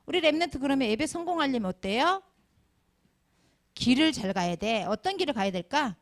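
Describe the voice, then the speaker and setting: A woman's voice: sits high, brisk. A middle-aged woman giving a Sunday school sermon to children, asking them question after question. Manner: asks the children constant questions, animated.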